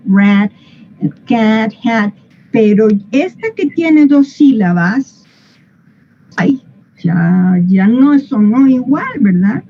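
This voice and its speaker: A woman's voice: on the high side, highs cut off, slight background noise. A woman, explaining English pronunciation to a class in a patient, playful way and asking them questions. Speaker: English teacher.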